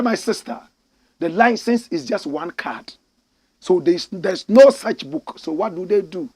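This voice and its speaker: A Ghanaian man hosting a political commentary show delivers an impassioned solo monologue in a higher voice. He is preachy and emphatic, speaking straight to his listeners.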